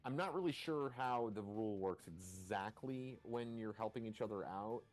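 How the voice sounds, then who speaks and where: A man's voice: on the low side, animated, normal speed, a little mellow, soft background music. Rambling man running a tabletop game. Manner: loose, rambling narration full of "like". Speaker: dungeon master.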